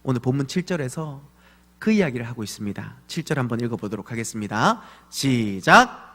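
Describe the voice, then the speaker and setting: A male pastor in his thirties giving an evening church sermon, telling animated stories and acting out voices of his children. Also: medium pitch, quick pace. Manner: animated storytelling with acted voices of his kids. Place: church sanctuary. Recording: long church hall reverb.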